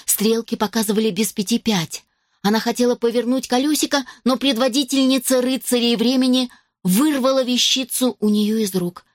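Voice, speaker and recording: A woman reading a novel aloud as an audiobook narrator, in an even, measured way. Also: on the high side, dry recording, studio quality. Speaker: audiobook reader. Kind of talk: scripted narration.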